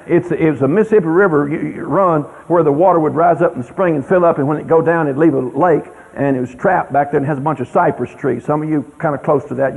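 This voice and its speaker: A middle-aged man tells a folksy story to an audience in a rambling, animated drawl. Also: a little high, gravelly, husky. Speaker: speaker telling a story to an audience. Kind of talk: folksy anecdote telling. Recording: tinny radio broadcast.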